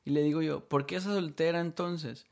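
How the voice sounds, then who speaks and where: A man's voice: a little high, steady tone, brisk. A man hosting a podcast in casual chat, rambling and joking, dropping English slang words. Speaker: podcast host.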